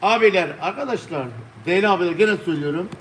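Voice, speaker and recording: A man's voice: sits high, fast, fairly bright tone, slight background noise. A man with a southeastern Turkish accent working as an auctioneer, calling bids to online viewers in repetitive patter and addressing bidders over and over.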